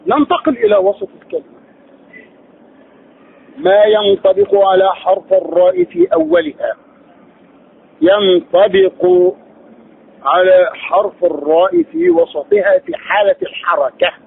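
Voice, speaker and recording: A man's voice: sits high, sing-song, unhurried, vocal fry, long pauses, slightly rough. A man teaching Quran recitation rules, asking his students questions, answering them himself and drilling syllables aloud. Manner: drills sounds by repeating syllables. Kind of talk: tajweed lesson. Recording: tinny lo-fi phone-like recording.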